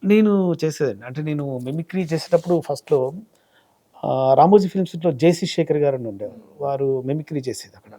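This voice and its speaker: Guy from telangana, comedian chatting in an interview, talks quick, kinda high voice. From Telangana, India. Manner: animated storytelling, acts out quoted voices. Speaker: comedian and mimicry artist guest. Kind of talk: casual interview chat.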